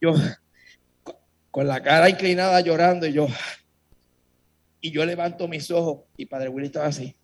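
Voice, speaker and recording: A man giving a religious testimony to a congregation, telling his story in a lively way and speaking straight to his listeners. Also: fairly high pitch, normal speed, long pauses.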